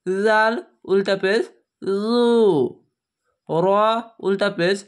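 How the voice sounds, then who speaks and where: A man teaching Quran letter pronunciation, spelling out each letter slowly and deliberately in a lesson. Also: high-pitched, steady tone. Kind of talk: slow recitation lesson.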